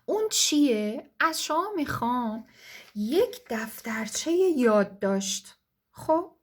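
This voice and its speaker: A woman teaching English vocabulary in a casual video lesson, encouraging and chatty, often addressing viewers warmly as her students. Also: fairly high pitch. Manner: encouraging, addresses viewers as kids and dear ones.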